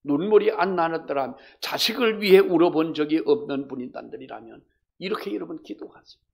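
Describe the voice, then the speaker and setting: Gravelly-voiced man preaching fervently. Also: on the high side, lively intonation, fairly quick. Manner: fervent preaching, swinging from loud exhortation to hushed storytelling. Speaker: pastor. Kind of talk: sermon.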